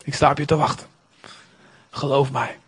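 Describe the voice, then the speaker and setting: The Holy Spirit as a gentle, inviting presence that pleads with the listener in a soft, partly whispered voice. A preacher puts it on during his sermon. The tone stays tender and patient. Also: medium pitch, little pitch movement, moderate pace, breathy edge. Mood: pleading.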